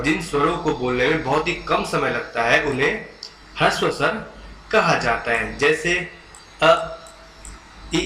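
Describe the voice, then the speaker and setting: Guy teaching hindi grammar, sounds out vowels, keeps checking in, kinda high bright voice, roomy echo. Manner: explains slowly, repeats terms and checks with "ठीक है"; demonstrates vowel sounds aloud for students to repeat. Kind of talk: exam-prep lecture. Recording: echoey room with faint background noise.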